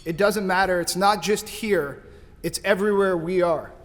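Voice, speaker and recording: A man's voice: high voice, normal speed. A man from St. Louis giving a thankful, storytelling hall of fame acceptance speech at a podium microphone in a banquet hall. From St. Louis, USA. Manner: storytelling, thankful, loose and joking. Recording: hall reverb.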